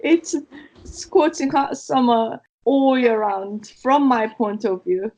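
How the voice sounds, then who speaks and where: On a slightly dull, lo-fi podcast recording, a co-host from South Korea tells stories in casual conversation, laughing frequently. She has a fairly high, slightly mellow voice and takes her time speaking.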